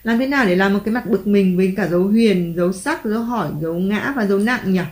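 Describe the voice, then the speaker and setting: A mother patiently teaching her child letters and tone marks at home, slowly drawing out the spelling and praising often. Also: medium pitch. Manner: patient, encouraging, drawn-out spelling. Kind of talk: home reading lesson for a child. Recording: echoey room, faint background music.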